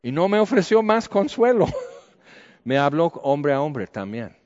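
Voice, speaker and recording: A man with a Mexican accent preaching a conversational sermon, candid and colloquial with lively asides. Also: on the high side, measured pace. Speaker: pastor. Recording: echoey hall, dull lo-fi sound.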